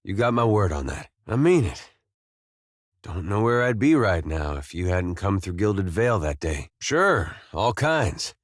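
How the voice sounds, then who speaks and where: Resolute and warm, a farmer-turned-adventurer companion in a video game speaks in a deep male voice with a sing-song lilt at a measured pace. Gentle, loyal, and a little world-weary, he talks plainly and folksily with understated, hesitant dry humor. The recording is very dry, with no echo.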